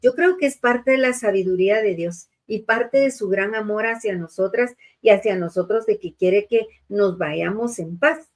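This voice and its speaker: Woman host, middle-aged, earnest, talks straight to listeners, medium pitch. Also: moderate pace. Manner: earnest, addresses listeners directly, frequent tag questions. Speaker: radio or TV show host. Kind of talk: talk on grief and faith.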